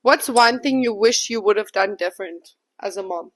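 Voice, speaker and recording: A woman's voice: medium pitch, moderate pace. A woman in her twenties hosting a podcast, interviewing her mother in a playful, teasing way. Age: 20s. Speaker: podcast host. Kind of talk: casual chat.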